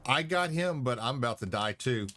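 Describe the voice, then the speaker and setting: A man's voice: mid-range voice, animated, normal speed, fairly bright tone. A man streaming a space game, chatting casually and talking back to the game. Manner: rambling, talks back to the game. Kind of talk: casual chat while playing.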